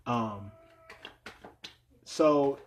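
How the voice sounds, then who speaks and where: A man giving a weekly tarot reading in a meditative way, repeating phrases and sometimes dropping to a low, quiet voice. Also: very slow, lo-fi sound. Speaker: tarot reader.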